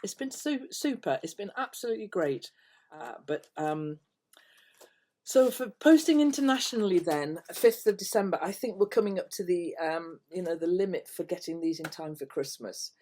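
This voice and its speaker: An older woman vlogger chats casually to her viewers at home, meandering and hesitant, with phrase endings that trail off softly. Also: lowish voice, lively intonation, moderate pace, a little hiss or hum. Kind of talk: casual rambling chat to camera. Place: at home, indoors.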